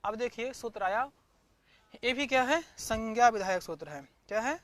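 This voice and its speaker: A man's voice: very high-pitched, lively intonation, normal speed, fairly bright tone, no room sound. A man giving an online Sanskrit grammar class, asking questions and answering them himself, repeating each term. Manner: searches the screen for notes aloud mid-lesson.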